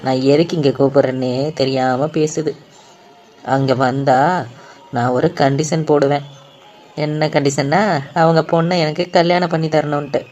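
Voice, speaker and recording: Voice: medium pitch, level tone, moderate pace, pauses often, darkish tone, dull audio, close to an everyday voice. Someone voicing a sly scheming young man. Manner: smooth-talking, sly. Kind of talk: cartoon comedy acting.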